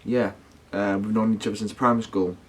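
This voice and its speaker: A man's voice: fairly low pitch, steady tone, brisk, breathy edge. A man talking casually to his viewers as a paranormal vlogger, rambling and slangy, often correcting himself. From United Kingdom.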